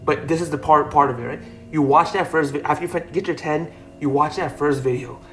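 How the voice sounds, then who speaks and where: A man's voice: fairly high pitch, fairly even intonation, brisk, a bit bright. A young man giving a blunt, profane motivational talk to the camera as a self-improvement host, emphatic and full of fillers. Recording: faint music underneath.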